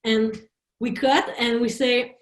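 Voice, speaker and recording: A woman film director, a native French speaker, speaking English in an interview, halting and searching for words. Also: on the high side, little pitch movement. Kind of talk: interview talk in a second language. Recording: roomy echo.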